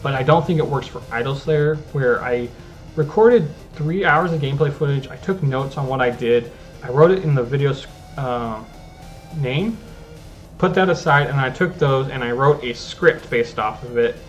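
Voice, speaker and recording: Over faint, soft game music, a relaxed gaming channel host chats through his gameplay in an ordinary mid-range voice at a moderate pace. He rambles and restarts his thoughts casually, and the recording has its highs cut off.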